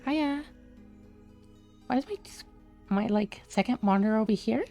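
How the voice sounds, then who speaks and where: A woman streamer talks casually and rambles while she plays a game. Her voice sits at a middle pitch with a gravelly, creaky texture. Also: a little fast, mellow, soft background music. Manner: chatty, rambling. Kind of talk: casual live-stream chat.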